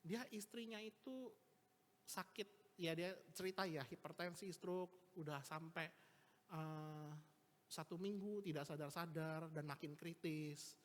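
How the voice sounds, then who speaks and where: A man's voice: on the high side, a little slow. A male evangelist telling a personal story in a casual, chatty sermon, full of small tag words and restarts. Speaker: evangelist preacher. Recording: long church-hall reverb.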